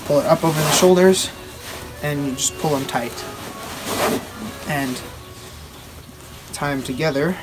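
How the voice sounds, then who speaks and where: A young man with a somewhat high voice hosts an informal demonstration. He explains things step by step in a halting, casual way while his hands are busy. He is outdoors, a short way from the camera, with music behind him. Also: low-quality recording. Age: teenager or young adult. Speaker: video host. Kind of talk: casual explanatory show-and-tell. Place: outdoors on a wooden backyard deck.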